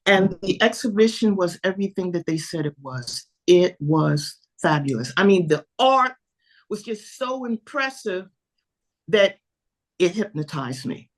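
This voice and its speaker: A woman in her seventies, a guest telling a lively story in an interview and acting out the dialogue. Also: fairly low pitch, measured pace. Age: 70s. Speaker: podcast guest.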